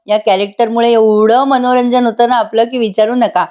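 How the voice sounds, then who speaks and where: A woman's voice: on the high side, steady tone, moderate pace, darkish tone. A woman narrating a voice-over review of a TV serial episode, chatting directly with her viewers.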